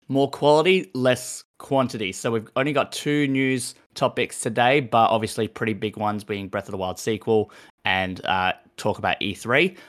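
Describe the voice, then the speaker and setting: A man hosting a casual podcast, his voice hoarse and half gone. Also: mid-range voice, a bit bright. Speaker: podcast host.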